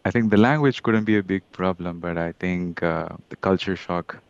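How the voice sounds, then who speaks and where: A podcast host with a very low, clear, resonant voice conducts a casual interview at normal speed, his phrasing friendly and a little non-native. The recording is dry and slightly muffled, with little room sound and no echo.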